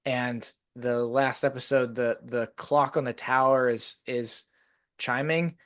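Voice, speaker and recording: Speaking slowly in a steady, medium-pitched voice with a slight brightness, a man hosts a podcast. It's casual conversation, with long, rambling stories and lots of "like" fillers.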